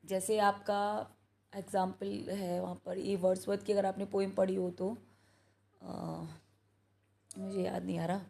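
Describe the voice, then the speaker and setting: A woman works through exam practice questions at a very slow, unhurried pace, reading each one aloud before explaining the answer. Her voice sits at an ordinary middle pitch, and she switches easily between Hindi and English while teaching. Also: level tone, vocal fry, mellow. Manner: often says "thik hai" to check along.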